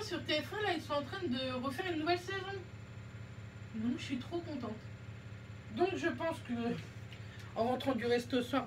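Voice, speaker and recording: A woman's voice: sits high, slight background noise. A young woman from France chatting casually and rambling with self-mockery while doing her makeup at home. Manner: rambling, self-mocking, slangy. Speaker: beauty vlogger.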